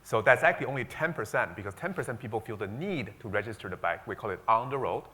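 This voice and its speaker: Bright-toned, hesitant man. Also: fairly low pitch, expressive, fast talker. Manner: hesitant, many fillers and restarts. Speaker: panelist, investor. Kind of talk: panel discussion.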